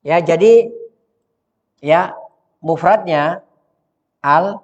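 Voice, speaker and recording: A man's voice: fairly high pitch, very slow. A man teaching an Arabic grammar lesson who reads phrases aloud, translates them and often quizzes his students. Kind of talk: classroom lesson explaining a grammar text. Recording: dull sound with long hall reverb.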